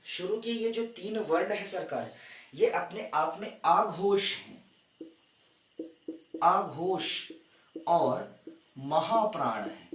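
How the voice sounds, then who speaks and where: Recorded from afar in an echoey room, this high-voiced man teaches grammar for exam prep. He explains each step carefully, addresses his students with respect as "sarkar," and counts down before screenshots.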